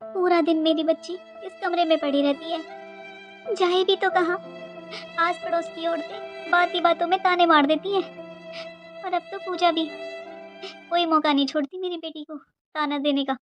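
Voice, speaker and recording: Casting: a woman as a fretful, loving cartoon mother, gentle and high-voiced. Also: fairly even intonation, unhurried, pauses often, music in the background. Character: caring, worried middle-aged mother.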